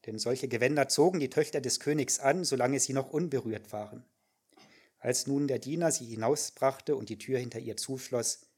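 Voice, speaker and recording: Husky man reading scripture aloud. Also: medium pitch, darkish tone. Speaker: scripture reader.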